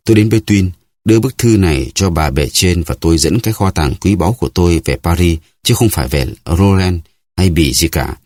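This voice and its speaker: A man's voice: deep voice, brisk, a little mellow. A man reading an audiobook, voicing a hot-headed young male musketeer who speaks with urgency. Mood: urgent. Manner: impassioned, urgent.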